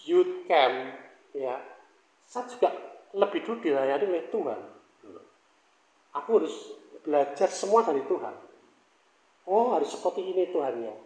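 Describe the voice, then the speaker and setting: High-voiced man preaching in an echoey hall. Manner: conversational preaching with frequent rhetorical questions and asides. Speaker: pastor. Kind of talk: sermon.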